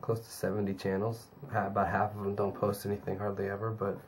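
A young man records a casual vlog at arm's length, his voice hoarse and tired from a lingering cold. He rambles easily with fillers, his slightly low voice gravelly with fry. A faint background noise runs under him. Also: flat delivery, quick pace. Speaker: vlogger.

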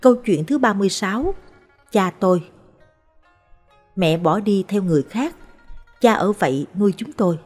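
Calm, husky woman storyteller. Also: medium pitch, moderate pace, pauses often. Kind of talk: scripted narration of short life stories. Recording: soft background music.

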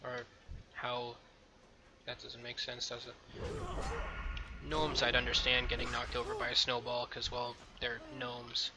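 A man's voice: mid-range voice, completely flat delivery, a little slow, long pauses, very noisy. A man hosting a let's play, talking casually over his game with frequent ums and a loose, rambling manner. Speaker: gameplay video host. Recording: game music playing behind.

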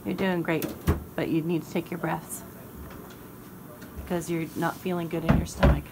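Mom with a lowish voice reassuring her kid, noisy phone recording. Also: level tone, moderate pace. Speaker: mother looking after her child. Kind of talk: casual, reassuring talk.

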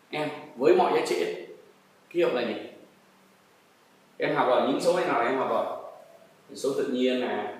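A man teaching a textbook math lesson, coaxing pupils along with frequent tag questions. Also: medium pitch. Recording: very echoey room, distant mic, faint noise.

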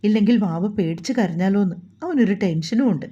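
Woman reading a family drama audiobook, expressive, warm husky voice, kinda muffled. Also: mid-range voice, brisk. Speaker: storyteller. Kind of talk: scripted audiobook narration.

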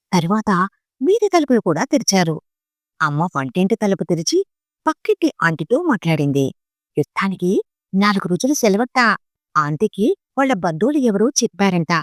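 A woman reading a short story aloud in a slow, expressive, gently dramatic way. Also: on the low side, dry recording, studio quality.

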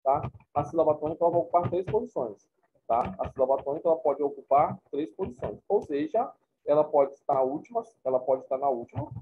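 A man's voice: on the high side, animated, brisk, a little hiss or hum. A man teaching a class, explaining points informally and often checking in with his students. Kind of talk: classroom lecture. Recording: tinny phone-like recording.

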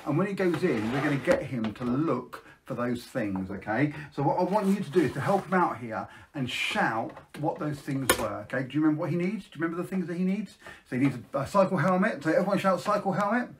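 A man's voice: on the high side, lively intonation, brisk, noisy background. Middle-aged man, kids party magician patter. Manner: kids party magician, coaxing audience to join in and shout. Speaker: children's magician, live show host. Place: small indoor room at home, facing camera.

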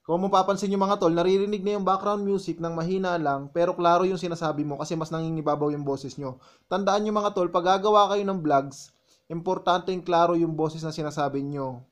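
A man's voice: high-pitched, fairly even intonation, a little fast. A man giving a casual tutorial voice-over, walking viewers step by step through editing his vlog. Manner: walks viewers step by step, often calling them "mga tol". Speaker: vlogger explaining his editing.

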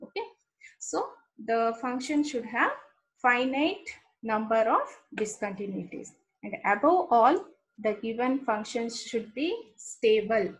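A woman's voice: on the high side, lively intonation, unhurried, low-quality recording. A woman with an Indian English accent giving an engineering lecture, explaining step by step and often checking in with "okay". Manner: explanatory, frequent "okay" checks, repeats terms.

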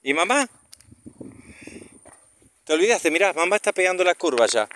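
A man's voice: high-pitched, sing-song, moderate pace, a bit bright. A man with a Rioplatense Argentine accent, a father filming a casual vlog as he walks, talking to camera and to his child. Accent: Rioplatense Argentine Spanish. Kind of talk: casual narration and chat with a child. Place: outdoors, walking along a path. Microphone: handheld camera or phone, held by speaker. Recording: outdoor recording with clear background noise.

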